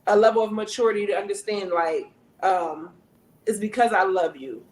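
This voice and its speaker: A woman's voice: medium pitch, normal speed, slight background noise. Earnest woman in an echoey room. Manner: earnest, reflective. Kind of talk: casual chat.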